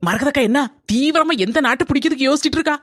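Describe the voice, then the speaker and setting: A woman's voice: high voice, dry recording, studio quality, lightly acted. A woman voicing a cheeky young village woman neighbour in a cartoon, teasing in Kanyakumari Tamil. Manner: teasing, quick-witted.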